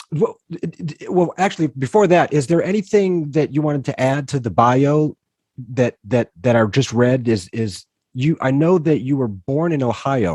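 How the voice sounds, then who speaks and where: A male podcast host runs a casual interview, talking loosely and rambling with many restarts and fillers. His voice is medium-pitched with a darkish tone, recorded dry.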